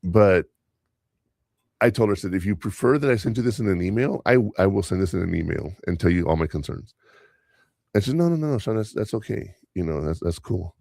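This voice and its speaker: Speaking a little fast and with animation, a gravel-edged, deep-voiced man shares rambling tales from his teaching job on his casual podcast, chuckling throughout. Spanish is his mother tongue, and his tone leans dark. It's a dry, intimate recording with no echo.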